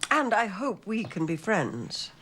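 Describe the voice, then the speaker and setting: Haughty older English dowager. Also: female voice, mid-range voice, big pitch swings, a little slow, background noise. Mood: stiff, guarded. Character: cool, haughty elderly mother of a grown son. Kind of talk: television drama acting.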